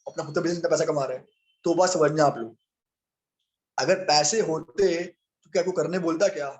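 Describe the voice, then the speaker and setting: A man's voice: on the high side, fairly even intonation, fairly quick, a little hiss or hum. A young man leading a training session, coaching listeners on how to answer objections and acting out both sides of the conversation. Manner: coaching, addresses listeners as sir, role-plays both sides. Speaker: business trainer. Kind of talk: training talk on handling objections.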